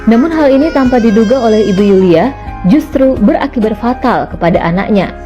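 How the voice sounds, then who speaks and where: Woman narrating over background music. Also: a little high. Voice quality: measured, even delivery. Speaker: documentary narrator. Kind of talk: scripted TV narration. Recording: dull lo-fi broadcast with music behind.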